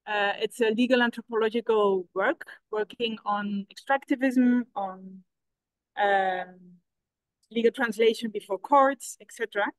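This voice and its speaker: A woman's voice: fairly high pitch, no room sound, rough recording. Belgian-born woman researcher, dry close sound. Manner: measured, explanatory, some restarts. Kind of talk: conference talk over a video call. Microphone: video call.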